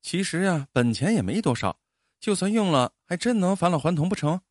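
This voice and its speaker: A man voicing a thrifty, sharp-tongued middle-aged wife who scolds and coaxes by turns. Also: sits high, sing-song, no echo, studio quality, pitched above the performer's own voice. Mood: reassuring. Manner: quick, scolding, coaxing tones. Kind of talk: storytelling with character voices.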